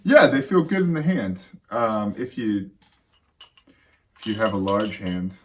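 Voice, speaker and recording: A man's voice: fairly low pitch, big pitch swings, unhurried. A man co-hosting a casual whiskey review, cracking goofy jokes between tasting notes. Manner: joking, goofy asides. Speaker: co-host. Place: home man cave, indoors. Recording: a bit distant from the mic, faint background noise.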